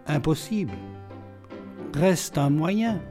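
A man reading an audiobook, voicing a witty, mocking, self-assured gentleman burglar held in a cell. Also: fairly high pitch, animated, slow, soft background music. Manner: playful, ironic, self-assured.

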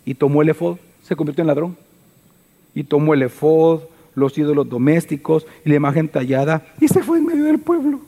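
A man with a high voice preaches in a church hall, and long reverb trails each phrase. He tells the story with animated energy and keeps turning to the congregation with questions. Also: fairly quick. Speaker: pastor. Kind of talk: sermon.

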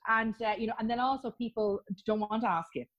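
A woman's voice: a little high, quick pace, muffled recording. An Irish woman chatting as an interview guest about her postponed wedding plans, talking freely with frequent laughs and restarts. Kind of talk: casual chat.

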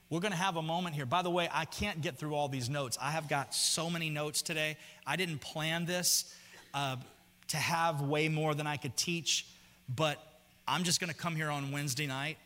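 A man's sermon fills a church sanctuary with long, reverberant echo. Part of the time he chats easily with the congregation, part of the time he reads scripture with slow deliberation, and he grows louder and higher as his fervor rises.

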